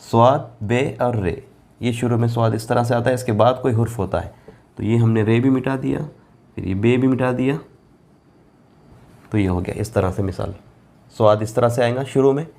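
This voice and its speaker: A male Quran reading teacher in the middle of a board lesson, walking a class through the letters. He is patient and repeats himself often, stretching each letter name out slowly so nobody misses it. His voice sits at an ordinary middle pitch. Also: vocal fry, dark tone. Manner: patient, repetitive, drawing out letter names slowly.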